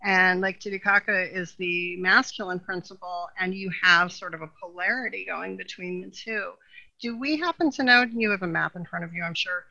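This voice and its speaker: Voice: mid-range voice, gravelly, pushed and bright, no room sound, lo-fi sound. A podcast co-host in a casual, rambling chat, with many "you know" fillers and frequent laughter.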